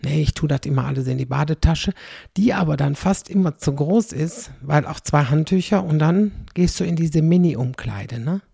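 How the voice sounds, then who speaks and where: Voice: medium pitch, moderate pace, creaky, dark tone, breathy edge, dry recording, studio quality. A middle-aged comedian, doing a chatty, rambling stand-up monologue and tagging sentences with "ne?". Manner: rambling, chatty, constantly tags "ne?".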